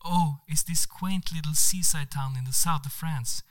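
A man's voice: medium pitch, a bit bright, natural voice. A man voicing a self-important Norwegian woman with an affected, showy way of talking. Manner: affected, showy, drawn-out speech. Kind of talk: comedic story reading.

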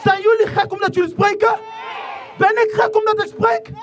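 Very high voice, fiery outdoor rally speech, keeps repeating lines and shouting. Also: flat delivery, moderate pace. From Netherlands. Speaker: protest speaker. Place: outdoor protest rally in rain. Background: faint crowd.

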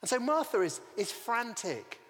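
Preacher, animated, with church reverb. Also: male voice, very high voice, normal speed. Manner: lively storytelling with rhetorical questions. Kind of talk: sermon.

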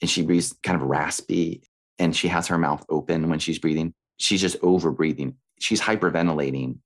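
In an explanatory interview, a man with a low-pitched voice speaks as a guest teacher of breathing and meditation. At a moderate pace, he explains things instructively and conversationally, leaning on everyday examples to make his points.

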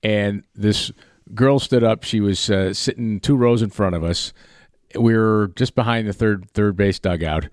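A man's voice: on the low side, measured pace, no room sound, studio quality. A man hosting a sports podcast, telling stories in a chatty way and laughing easily. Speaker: podcast host. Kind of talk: casual sports podcast chat.

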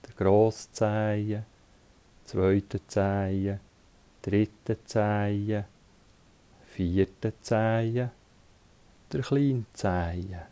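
In a voice on the lower side, a Swiss German-accented yoga instructor leads a relaxation exercise. He speaks calmly, offering brief directions and then pausing at length.

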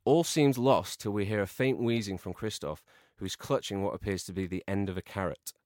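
A man co-hosting a podcast, reading out a comic film pitch with deadpan storytelling delivery. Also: fairly quick, no room sound, studio quality. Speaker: podcast co-host.

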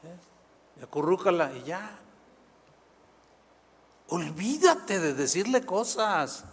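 A man preaches in a high, bright-pitched voice, lively and chatty, tossing off quick asides to the congregation. His words ring out with a long reverb from the church hall around him. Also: breathy edge. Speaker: pastor. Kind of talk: sermon. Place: church sanctuary.

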